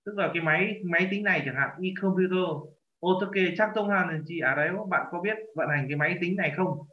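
A Korean language teacher with a slightly high voice leads a lesson, patiently correcting a student's pronunciation and repeating phrases slowly. The lo-fi recording sounds dull and echoes around the room.

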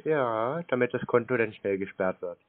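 Over band-limited phone audio with no room sound, a man casually strings along scam callers in a laconic, teasing way. He speaks at normal speed in an animated, medium-pitched voice.

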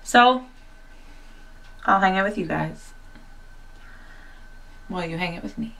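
A young woman and new mom chats casually to the camera at home, chatty and self-deprecating with many fillers. Her mid-range voice is slow, creaky, and a bit bright. Indoors, she sounds slightly distant from the mic.

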